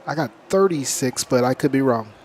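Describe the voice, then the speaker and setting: A man giving measured, careful stats commentary during a high school football broadcast. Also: animated, a little hiss or hum.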